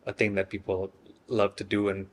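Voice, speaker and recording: A man in his thirties from Singapore, chatting casually in an interview, relaxed and hesitant with frequent fillers and restarts. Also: lowish voice, moderate pace, a little hiss or hum.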